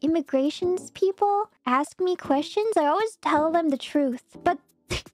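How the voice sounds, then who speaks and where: Very high-pitched giggly woman streamer. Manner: giggly, halting, many restarts and laughs. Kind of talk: casual storytelling on stream.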